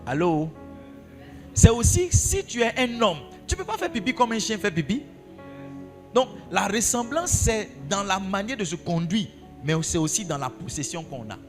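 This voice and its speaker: Lively-voiced preaching pastor. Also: male voice, high-pitched, moderate pace, long reverb tail, faint music behind. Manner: preaching with rhetorical questions to the congregation; repeats key phrases for emphasis. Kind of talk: sermon.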